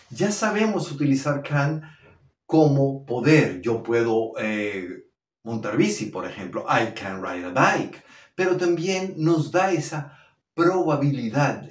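A man teaching a language lesson, slowly modelling the pronunciation of example phrases. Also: on the high side, darkish tone. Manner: slow, drawn-out model pronunciation of English phrases. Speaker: English teacher. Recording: echoey room.

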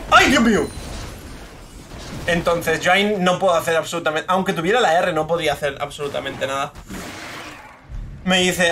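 A man's voice: on the high side, slight background noise. A young man from Spain giving casual live commentary while playing a game, swearing and venting about teammates. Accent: Spain Spanish. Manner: excitable, swears, frustrated rants at teammates. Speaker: gaming streamer.

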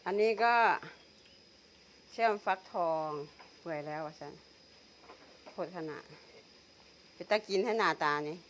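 She talks a little slowly at a fairly low pitch, leaving long pauses, against slight background noise. The woman is a vlogger with a northeastern Thai Isan accent, Tai Yo, who teases and chats casually as she eats and laughs often.

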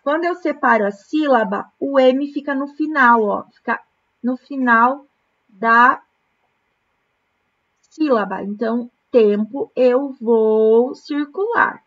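A Brazilian woman teaching young children in a recorded lesson, talking very slowly and patiently with a slightly high voice. She breaks words into syllables as she corrects exercises, and the recording sounds a little dull and lo-fi. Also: fairly bright tone. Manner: slow, patient, syllable-by-syllable explanation. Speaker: primary school teacher.

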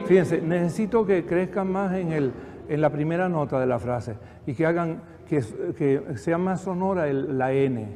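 A man's voice: on the high side, normal speed, dark tone. Older male choir director, echoey hall. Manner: patient, encouraging, with dry humor. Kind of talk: choral rehearsal instruction. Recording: echoey hall, faint background noise.

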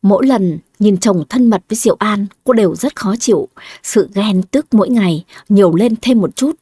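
Audiobook narrator, woman, breathy husky tone, very dry close sound, steady delivery. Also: mid-range voice, no room sound. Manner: steady, measured storytelling. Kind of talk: scripted story narration.

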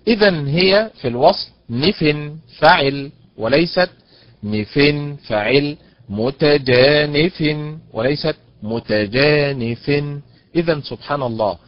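A man's voice: on the high side, animated, dry recording. Male recitation teacher, patient, drawls out examples, dry dull lo-fi sound. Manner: explains patiently, drawing out example words slowly; praises students by name as they answer. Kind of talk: online lecture on Quranic stress rules. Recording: dull, dry lo-fi online lecture audio.

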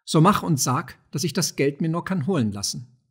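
A man's voice: fairly high pitch, expressive, moderate pace, a bit bright, husky, full character voice. A man reading an audiobook of a play, voicing a sultan's clever sister who sounds coaxing and urgent, with no change from his own voice.

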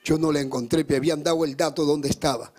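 A male pastor delivering a live sermon with fervour, climbing high and loud at times and dropping to a hushed tone to tell a story. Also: steady tone, quick pace.

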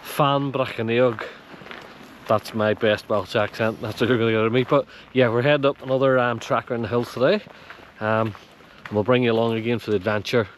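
Man, mid-pitch, chatty hiking vlogger, a bit winded, outdoor wind noise. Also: steady tone, quick pace, few pauses. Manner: chatty, hails viewers as legends. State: somewhat out of breath from climbing. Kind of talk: casual walk-and-talk to camera. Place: outdoors on open hillside.

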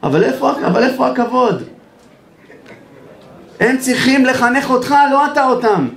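A man's voice: very high voice, lively intonation, a bit bright, slight background noise. A male rabbi preaching a sermon with passion, firing off rhetorical questions at his listeners. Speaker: rabbi giving a lecture. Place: evening lecture in a hall. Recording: echoey room sound.

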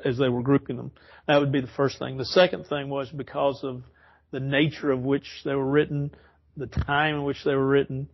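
A man's voice: mid-range voice, highs cut off. A man teaching an informal Bible study in a church, rambling and correcting himself as he explains. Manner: rambling, self-correcting, chuckles often. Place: church classroom.

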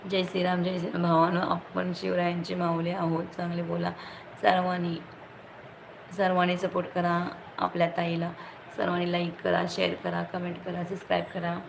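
Speaking at a moderate pace in a fairly low, creaky monotone, this woman runs a laid-back live stream where she reads comments aloud. She welcomes viewers by name and urges them all to like the stream, with faint noise in the background.

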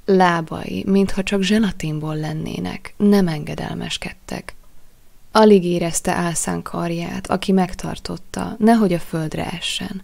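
A woman with a low, slightly gravelly voice narrates an audiobook. Her reading is measured and expressive, carrying the story forward at an even pace. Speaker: audiobook reader.

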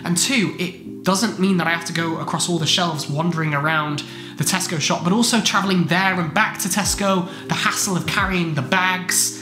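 Here a medical student in his twenties, stuffed up from a chest infection, chats to camera in a home study room about his weekly routine and gestures a lot. His voice sits high, with fairly even intonation and a moderate pace. Background music plays, and the sound is roomy.

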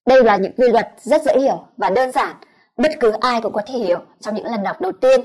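A woman with a Vietnamese accent teaching a pronunciation lesson, sounding out each sound slowly and repeating it. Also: a little high, animated, a little mellow. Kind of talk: explanatory lesson.

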